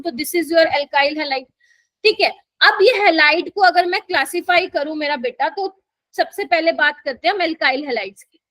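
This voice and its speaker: Bright high-voiced woman teaching class. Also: dry recording. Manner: coaxing, keeps quizzing students and calling them "my child". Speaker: chemistry teacher. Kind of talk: live classroom lecture.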